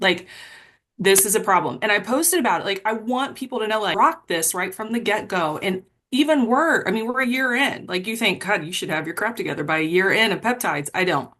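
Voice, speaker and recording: A woman's voice: on the low side, fairly bright tone. Chatty woman giving a pep talk. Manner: chatty, rambling and self-deprecating. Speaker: team leader on a wellness sales call. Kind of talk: casual motivational pep talk. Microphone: video call.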